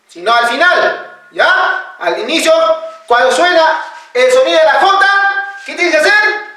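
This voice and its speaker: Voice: high-pitched, pushed and bright, very echoey, far from the mic. A teacher giving a patient alphabet lesson, reading the letters one by one and checking that students are following. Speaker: Quechua teacher. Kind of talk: classroom-style alphabet lesson.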